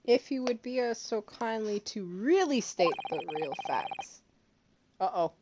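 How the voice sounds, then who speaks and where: Loud game music runs behind a woman game streamer as she dramatically voices in-game dialogue during a casual let's play, pausing for casual asides. Her voice is on the high side with lively intonation and a measured pace, and there's a little hiss or hum.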